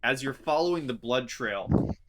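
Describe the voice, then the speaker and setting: A man running a tabletop fantasy game as game master, narrating in a halting way as he thinks aloud. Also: medium pitch, animated, background noise.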